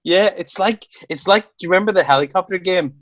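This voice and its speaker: A man's voice: high voice, fast talker, no echo, lo-fi sound. Rambling man, dry sound. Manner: rambling, restarts, laughs often. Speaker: podcast co-host. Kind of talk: casual chat.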